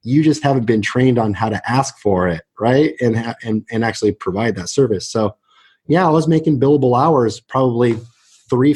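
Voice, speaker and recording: A middle-aged man, a real estate agent, talking casually as an interview guest, animated and full of quick restarts. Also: mid-range voice, breathy edge. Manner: animated storyteller, many restarts and "right?" tags.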